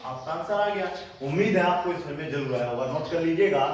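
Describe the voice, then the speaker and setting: Patient maths teacher in echoey room. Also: male voice, on the high side, expressive, fairly quick, lo-fi sound, slight background noise. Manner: patient, calls students "beta", checks understanding often. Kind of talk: classroom maths lesson. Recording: echoey room, mic far off, faint ambience.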